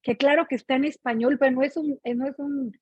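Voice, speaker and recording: A middle-aged book club member with a Mexican Spanish accent comments casually on her reading, talking fast in a high-pitched, steady voice. She's expressive and frequently asks for agreement, though the online meeting audio is muffled with echo.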